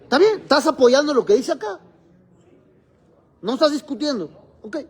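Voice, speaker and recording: A man's voice: very high voice, very animated, moderate pace. A man, a rabbi teaching a religious class in a classroom, explaining step by step and quizzing his students.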